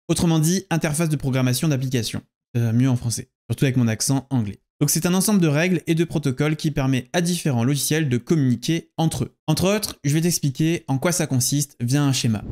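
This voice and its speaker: A man's voice: on the high side, darkish tone. A man presenting a screen tutorial, explaining step by step and speaking directly to the viewer. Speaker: data consultant presenting a tutorial.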